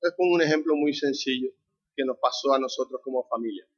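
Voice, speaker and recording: Speaking with a Canarian Spanish accent, a preacher from the Canary Islands delivers a conversational sermon that includes a family anecdote and questions for the congregation. He talks at a quick pace in a husky, mid-range voice. The lo-fi recording sounds dull.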